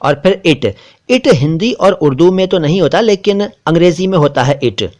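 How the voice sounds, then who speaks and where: A man with a slightly raised voice teaches Urdu letters as a patient lesson. He drags out each short word slowly and deliberately, and he insists firmly on correct pronunciation. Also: on the high side, animated, a little mellow. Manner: slow, deliberate spelling-out of letters and words; stresses correct pronunciation, a bit critical of others. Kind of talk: spoken script lesson.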